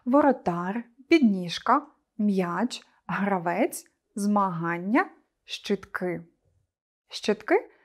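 A woman teacher presenting a scripted online lesson, speaking clearly and deliberately to her pupils. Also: medium pitch.

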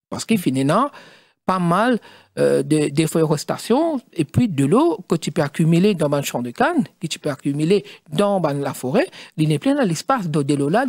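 A middle-aged man with a Mauritian accent, a studio guest explaining in halting speech with many fillers and restarts. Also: on the high side, darkish tone, no echo. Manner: halting, mixes French and Creole, many fillers. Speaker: studio guest, former district council president.

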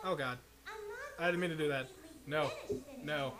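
A woman's voice: deep voice, unhurried, far from the mic. A young woman hosting a casual live commentary, laughing often and exclaiming in exasperation. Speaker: commentary host. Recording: music playing behind.

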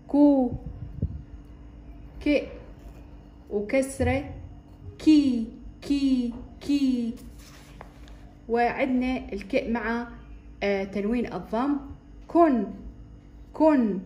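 A woman's voice: a little high, darkish tone, a little hiss or hum. A woman with an Iraqi accent teaching a first-grade reading lesson, repeating and stretching out syllables for young children. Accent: Iraqi Arabic. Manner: slow, drawn-out repetition of syllables for drilling. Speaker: primary school teacher.

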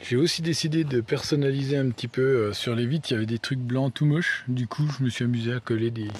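A fast-talking young man with a medium-pitched voice chats wryly and informally in a casual vlog. A phone held at arm's length records him, with a little hiss or hum.

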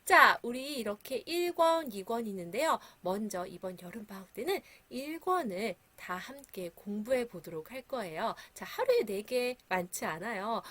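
A woman's voice: a little high, a bit bright. A middle-aged woman teaching English to children, cheerful and coaxing, having them repeat words after her.

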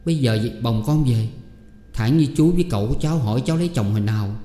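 A man's voice: mid-range voice, fast, mellow, lightly acted. A man voicing a humble young mother who pleads politely with her elders. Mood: pleading. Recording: echoey room with long reverb.

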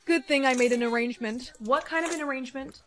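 A woman's voice: high voice, quick pace, close to an everyday voice. A young woman playing earnest fairy-tale royal court characters in a short social-media skit.

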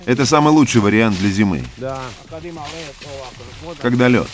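A man's voice: medium pitch, expressive, unhurried. A man voicing a documentary interview, asking and answering in a plain conversational way. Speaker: interviewer and voice-over narrator.

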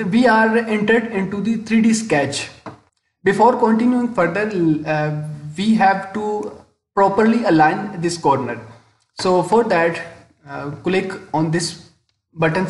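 Speaking as a tutorial instructor, this man has a high-pitched voice and guides listeners through software in careful steps. He hesitates a lot and goes very slowly, often stopping mid-sentence. His screen-recording voice-over was made in an indoor room and carries a noticeable, roomy echo.

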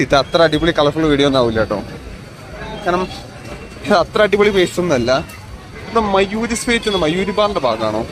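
A man walks a busy outdoor street, chatting casually to his viewers as he films on a phone with no external mic. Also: on the high side. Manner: chatty, addresses viewers as guys. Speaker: vlogger. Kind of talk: casual walking vlog. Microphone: phone camera, no external mic. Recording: phone recording with loud street noise. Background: street traffic and passers-by.

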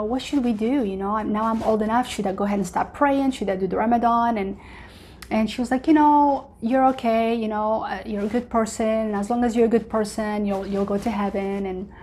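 A woman's voice: mid-range voice, a little mellow. A woman in her forties, born in Morocco with Arabic as her first language, sharing a personal testimony as host in an earnest, chatty way with many fillers, recorded at home. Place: home living room.

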